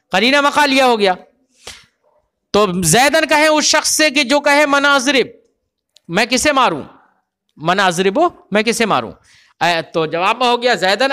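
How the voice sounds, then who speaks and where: A man's voice: very high voice, pushed and bright. A male religious teacher, giving a grammar lecture and often asking the class whether they have understood. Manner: explains and checks understanding with repeated questions.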